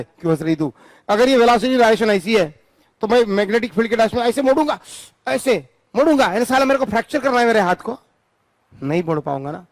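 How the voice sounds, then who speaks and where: A man's voice: sits high, dry recording. An Indian man teaching physics to a classroom, calling on students by name, repeating phrases and scolding them playfully. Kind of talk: classroom lecture.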